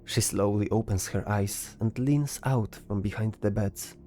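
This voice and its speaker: A narrator reads a scripted fantasy story with music playing behind his voice. His tone is mellow and on the low side, at a measured pace.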